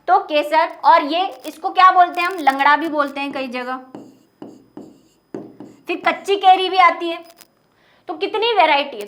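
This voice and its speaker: A woman's voice: high-pitched, fairly bright tone. A young woman teaching a biology lesson, explaining step by step and asking her students frequent rhetorical questions. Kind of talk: classroom lecture.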